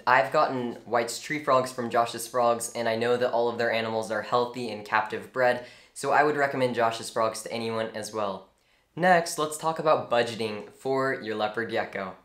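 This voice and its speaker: Young man, pet care tutorial, earnest, animated, roomy echo. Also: medium pitch, moderate pace. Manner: earnest, animated, strong opinions. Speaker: reptile care educator. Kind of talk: informal instructional talk. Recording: echoey room.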